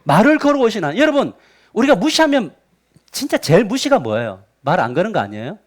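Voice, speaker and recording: A male pastor preaching a Sunday sermon in a church, lively and quizzing his congregation with rhetorical questions. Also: sits high, quick pace. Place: church sanctuary.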